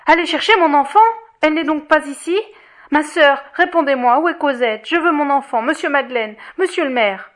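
A woman's voice: high voice, normal speed, fairly bright tone, voice pushed up. Fantine, a desperate dying mother, as a woman reader puts her on. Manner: crying out, pleading. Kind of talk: audiobook reading.

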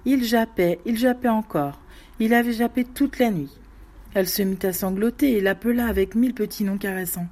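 A woman narrating a classic short story aloud in a measured, expressive way. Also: fairly low pitch, husky.

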